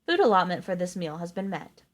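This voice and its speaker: A woman's voice: fairly low pitch, sing-song, a little fast. A woman voicing a medical computer that gives curt, clipped commands in a storybook reading. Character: flat-voiced commanding medical computer, sexless machine.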